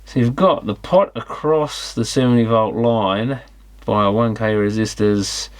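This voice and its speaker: Speaking on the low side and a little slowly, an electronics repair hobbyist muses aloud while presenting a teardown. His commentary is casual and unscripted as he examines things.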